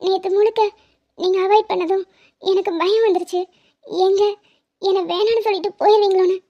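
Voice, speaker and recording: A woman doing a cartoon heroine in love, anxious and clingy, speaking in a very high, soft-toned voice with a mellow, dark timbre. She pleads with emotion, and the audio sounds dull and lo-fi. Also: level tone, fairly quick. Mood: pleading. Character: young woman, clingy, anxious and devoted lover.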